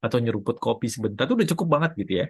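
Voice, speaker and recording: A man's voice: medium pitch, racing, husky, no room sound. A man who is a parenting coach, talking casually and acting out quoted spouses with a raised voice. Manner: animated, acts out quoted wives with a raised voice. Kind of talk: casual talk to camera.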